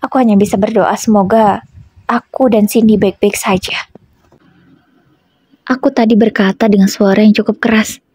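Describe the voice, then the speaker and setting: A woman telling a first-person story as scripted narration, in a steady, even reading voice. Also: medium pitch, moderate pace, long pauses, breathy edge, no room sound.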